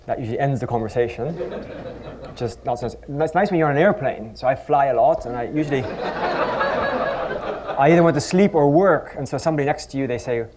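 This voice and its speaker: On a conference stage before a live audience, a middle-aged Dutch physics professor gives a talk with humorous anecdotes, wry self-deprecating asides and frequent restarts. His voice is medium-pitched at normal speed, with frequent pauses, over a noisy background.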